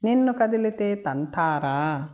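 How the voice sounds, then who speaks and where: A woman voicing a raving mad man who rambles in proverbs, taunts and sings mock lullabies, low and unhurried. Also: expressive. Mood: raging.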